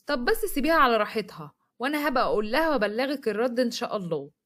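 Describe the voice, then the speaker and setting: A bossy, harsh mother speaks in a high, rapid voice with an Egyptian accent, as a woman storyteller puts her on. She scolds without pause. The delivery is quick and sharp. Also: big pitch swings. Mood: complaining. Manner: scolding, threatening.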